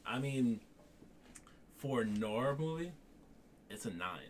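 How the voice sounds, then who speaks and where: A man's voice: medium pitch, expressive, slow, a little hiss or hum. A man co-hosting a casual film review chat, rambling with many restarts and crude jokes.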